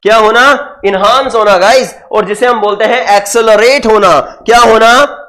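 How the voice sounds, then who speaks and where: A man's voice: sits high, fairly even intonation, moderate pace, pushed and bright. A man with an Indian accent teaching vocabulary in an online exam-prep lesson, playful and jokey, repeating answers back as quiz prompts. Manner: sings song snippets and makes sound effects. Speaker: English teacher.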